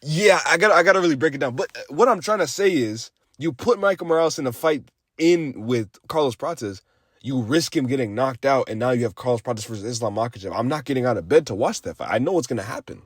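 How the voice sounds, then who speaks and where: A man's voice: mid-range voice, fast talker, slightly rough, no room sound, studio quality. Casual rambling male fight recapper. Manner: rambling, profane, animated with frequent fillers. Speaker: MMA commentator.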